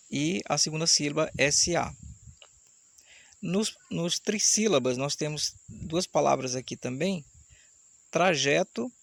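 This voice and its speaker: A man teaching an online Portuguese grammar lesson, explaining step by step and slowing down to sound out syllables. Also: a little high, gravelly, fairly bright tone. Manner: explanatory, slows down to spell out syllables. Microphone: camera mic, camera switched off.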